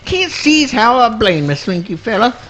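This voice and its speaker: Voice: mid-range voice, big pitch swings, moderate pace, a bit bright. An actor voicing a mild-mannered male possum in folksy swamp dialect with mangled grammar, in a live radio play. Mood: easygoing musing.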